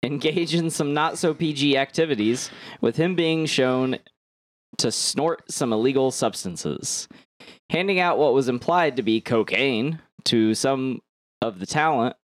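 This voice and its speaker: A man's voice: mid-range voice, no room sound. Giggly man reading podcast headlines. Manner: giggly, reads news haltingly. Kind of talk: casual podcast chat.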